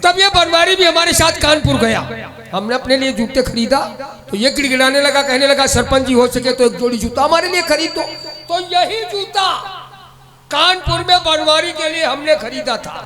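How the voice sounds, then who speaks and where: A man playing a scheming middle-aged village headman in a folk stage drama, declaiming loudly. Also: very high voice, moderate pace, a crowd in the background. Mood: sly. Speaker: stage actor. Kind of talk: folk nautanki stage acting.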